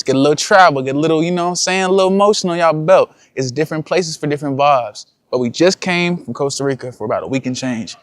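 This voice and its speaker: A man's voice: on the high side, no echo. A young man, a content creator, talking casually and slangily to his viewers in a vlog. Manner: casual slangy talk, addresses viewers as y'all.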